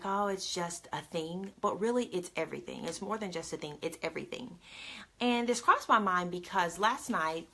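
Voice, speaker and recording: A woman speaks straight to the camera in a motivational talk. Her tone is earnest and chatty, and she keeps turning to her listeners as "y'all". Her pitch sits in an ordinary middle range for a woman. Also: sharp tone.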